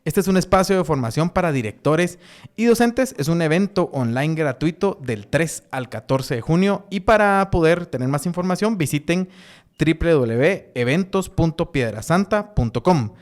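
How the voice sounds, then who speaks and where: A man reading a sponsor message at a steady pace. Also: on the high side, moderate pace. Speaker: sponsor announcer.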